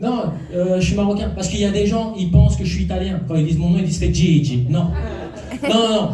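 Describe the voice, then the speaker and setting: A stand-up comedian with a high-pitched voice talks fast on a comedy club stage, teasing the crowd and working the live audience. The recording is echoey and captured from far off.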